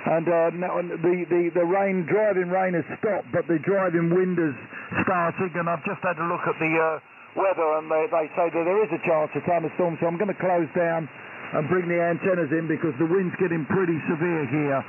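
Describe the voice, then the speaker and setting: Through a tinny shortwave link with faint static comes a high-pitched man. He is a radio amateur making polite, conversational exchanges, repeating words and spelling out call signs. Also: fairly even intonation, brisk. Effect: shortwave radio transmission.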